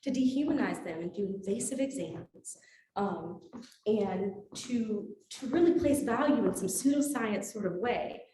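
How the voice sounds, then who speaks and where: A woman physician giving a talk to a live audience, telling her story with animated, acted-out dialogue. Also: mid-range voice, a little slow. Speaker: physician speaker. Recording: echoey room with faint noise.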